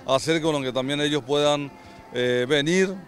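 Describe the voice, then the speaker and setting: A middle-aged man giving interview remarks as an official, halting as he searches for words, outdoors on a handheld microphone. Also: fairly high pitch, steady tone. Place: outdoors by cattle pens. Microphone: handheld reporter microphone.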